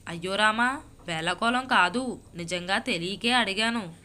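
A woman voicing a patient, puzzled woman friend who keeps asking gentle questions, in a storybook reading. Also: mid-range voice, a little slow.

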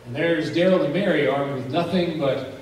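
A male pastor telling a story in a sermon, dramatic and suspenseful, with pauses that build tension. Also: a little high, slight background noise. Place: church sanctuary. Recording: very echoey church recorded from a distance.

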